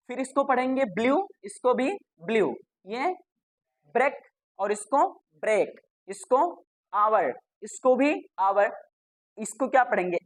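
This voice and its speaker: In a classroom grammar lesson, a woman teacher with a fairly high voice spells each word out letter by letter and repeats it. She then asks the class a quick question, answers it herself, and occasionally jokes with the pupils. The audio is dry and close, without any room echo.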